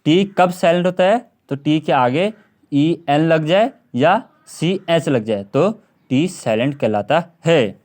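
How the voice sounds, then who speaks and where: Repetitive teacher, drawn-out words. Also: male voice, fairly high pitch, expressive, darkish tone. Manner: repeats words over and over, drawn out, with frequent throat clearing. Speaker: English teacher. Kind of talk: classroom lesson on silent letters.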